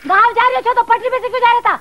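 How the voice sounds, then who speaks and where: A woman's voice: very high-pitched, steady tone, racing, very noisy. An actress playing a worried village woman who scolds urgently, in a 1980s TV drama. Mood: scolding. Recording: dry, dull lo-fi TV soundtrack.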